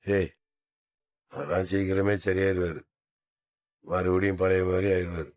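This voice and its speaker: An actor in a TV serial playing a calm, resigned middle-aged husband reassuring his wife. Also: sits low, moderate pace, dry recording, lightly acted. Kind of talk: Tamil TV serial acting.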